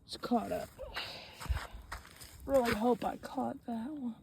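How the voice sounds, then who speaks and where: Casting: young woman, higher voice, slow offhand vlog narration, heavy congested breathing from a cold, halting delivery. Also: vocal fry. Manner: halting, short offhand remarks with long pauses. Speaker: amateur video maker. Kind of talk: casual narration of a hands-on demonstration. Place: outdoors. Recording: noisy outdoor recording with clicks.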